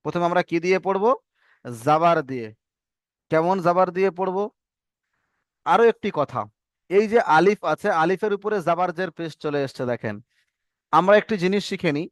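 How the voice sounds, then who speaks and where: A Quran reading teacher with a Bengali accent and a high voice leads an online class over a video call, heard through the call's microphone. The recording is dry with clean studio sound, and he patiently repeats drills and asks the class to answer together.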